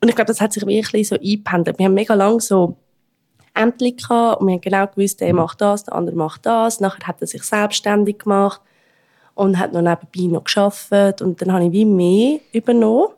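A young woman with a Swiss German accent co-hosts a podcast in candid, chatty conversation. She laughs easily and speaks at a middling pitch. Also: a little fast, mellow. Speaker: podcast co-host. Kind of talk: casual chat.

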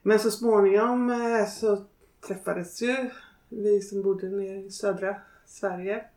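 A woman's voice: medium pitch, fairly even intonation, darkish tone. A woman speaking candidly in an interview, thinking aloud in a wry way. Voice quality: creaky. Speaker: interviewee, early network member. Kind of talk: reflective interview talk. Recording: echoey room, somewhat off-mic.

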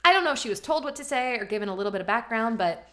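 A woman in her thirties co-hosts a casual conversation, sharing strong opinions. Her fairly high voice has a bright, sharp edge and sounds expressive. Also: rapid-fire. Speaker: podcast co-host. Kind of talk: casual chat.

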